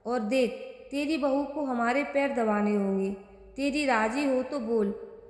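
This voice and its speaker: Woman voicing stubborn male holy man, storybook, demanding, high voice, roomy echo. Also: unhurried, natural voice. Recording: echoey room with long reverb.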